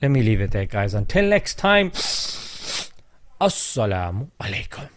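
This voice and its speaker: A man's voice: on the low side, very animated, moderate pace, no room sound, studio quality. A man commentator speaking casually and admonishingly to his viewers. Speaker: video commentator.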